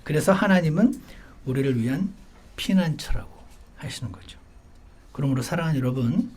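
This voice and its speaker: High-voiced man preaching a lively sermon. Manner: conversational, acts out quoted voices with humor. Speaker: pastor. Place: church service.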